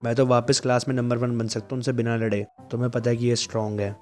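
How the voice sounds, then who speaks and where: A man's voice: medium pitch, little pitch movement, fast, faint music behind, close to an everyday voice. A man voicing a hot-headed teenage boy class leader who talks bluntly, in a comic-book recap. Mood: brash. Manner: blunt and brash.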